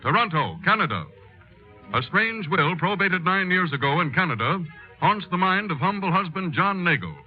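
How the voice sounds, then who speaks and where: High-pitched and sing-song, a man's voice performs a grave newsreel narrator in a dramatized 1930s radio news piece. Each stressed word carries solemn, drawn-out weight, and the tone is portentous, declamatory, grave and dramatic. It comes through as a muffled old 1930s radio recording accompanied by music.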